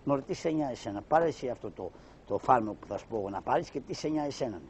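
A man voicing a cunning, cheeky trickster who poses as a doctor in a shadow-puppet play, talking in quick, dismissive retorts. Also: mid-range voice, expressive, darkish tone, slight background noise, close to an everyday voice. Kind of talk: Greek shadow-puppet theater. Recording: dull lo-fi recording.

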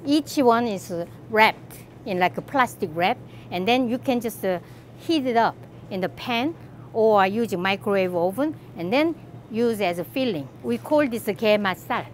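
Middle-aged korean-accented lady, chatty and upbeat, filming herself in a grocery store, kinda high voice. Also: lively intonation, normal speed, a little hiss or hum. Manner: chatty, enthusiastic, laughs often. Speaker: cooking channel host. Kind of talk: casual shopping walkthrough. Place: large grocery store aisles, indoors.

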